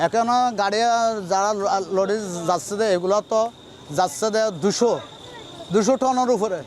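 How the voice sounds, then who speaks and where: A man road worker explains plainly in an outdoor interview. His voice is high for a man. Faint traffic is heard behind him. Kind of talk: street interview.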